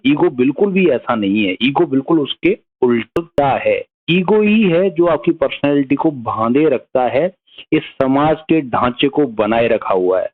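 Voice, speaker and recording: Man teaching over a tinny line. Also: mid-range voice. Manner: conversational, checks in with viewers often. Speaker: teacher explaining psychology. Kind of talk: explanatory video lesson. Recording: narrow phone-like sound.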